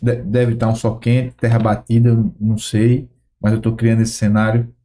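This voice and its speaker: A man's voice: lowish voice, little pitch movement, normal speed, dark tone. A man with a Brazilian accent, hosting a podcast, thoughtfully retelling a scene as he imagines it aloud. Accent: Brazilian Portuguese. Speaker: podcast host. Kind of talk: reflective conversational storytelling.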